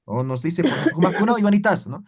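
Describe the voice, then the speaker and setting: A man's voice: high voice, expressive, very fast, slight background noise. A man teaching a language class, explaining step by step and checking in with his students again and again. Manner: explains patiently, keeps checking with "¿no ve?".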